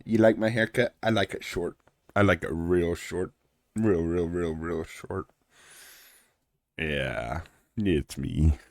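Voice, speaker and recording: A male streamer greeting his viewers in a relaxed, unhurried drawl. His voice sits on the low side and he jokes around and swears freely. The sound is dry and close. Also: no echo. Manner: playful, joking, swears freely. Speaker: streamer host. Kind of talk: casual stream chat.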